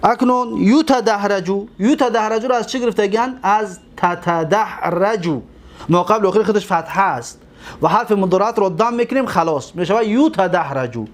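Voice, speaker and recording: A man teaches a grammar lesson. He runs through long memorized lists in a steady, sing-song rhythm and breaks off to explain each rule in a plain teaching voice. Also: sits high. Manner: recites rapid memorized verb lists in a steady drone, pausing to explain. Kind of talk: recorded lesson recitation.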